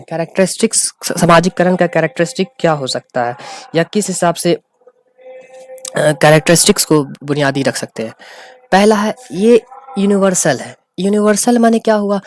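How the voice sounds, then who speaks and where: A man teaching a sociology lesson, explaining and repeating key terms and mixing in English words. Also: on the high side. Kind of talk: sociology lecture.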